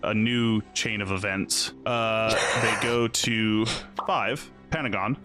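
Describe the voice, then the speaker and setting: A drunk man casually explaining game lore to friends, halting, swearing and losing his thread. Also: on the low side, sharp tone, soft background music. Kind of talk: casual, rambling storytelling among friends.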